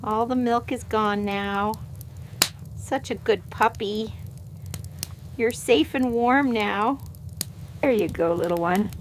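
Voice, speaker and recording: A woman playing a gentle elderly woman, cooing tenderly and soothingly to small animals in a scripted story. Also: a little high, takes it slowly, pauses often. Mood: tender, reassuring. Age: older. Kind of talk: scripted character lines in a narrated story. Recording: clear background noise.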